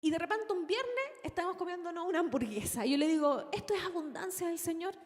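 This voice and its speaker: A woman's voice: extremely high pitch, expressive, quick pace, in a large hall. A young woman preaching a sermon, telling a personal story earnestly and addressing the congregation as brothers.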